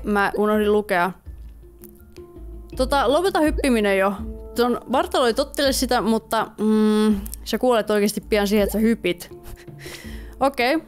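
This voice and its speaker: A young Finnish woman giving casual let's-play commentary, reading game text aloud and chatting to her viewers. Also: mid-range voice. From Finland. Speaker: gaming YouTuber. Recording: faint music behind voice.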